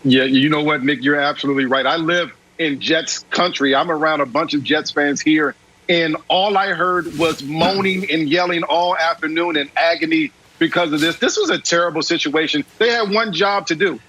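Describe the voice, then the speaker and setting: A man on a sports debate show laying out his argument point by point in a steady, persuasive way, heard over a remote line. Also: on the high side, normal speed, slight background noise, rough recording.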